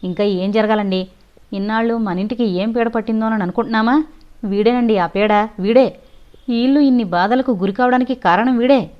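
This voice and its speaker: A woman's voice: mid-range voice, a little fast, natural voice. A woman voicing an angry, frightened housewife who accuses a servant, in a storybook reading. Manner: agitated, accusing. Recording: dull lo-fi recording.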